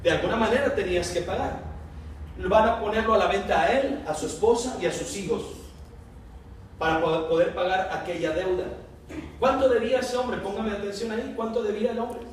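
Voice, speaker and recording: A man's voice: sits high, fairly quick. A man preaching an evening sermon, putting questions to his congregation and reading scripture aloud. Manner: calls out questions and the congregation answers back; reads scripture aloud, raising his voice for dialogue. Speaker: pastor. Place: church sanctuary. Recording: very echoey hall, from a distance, faint hiss.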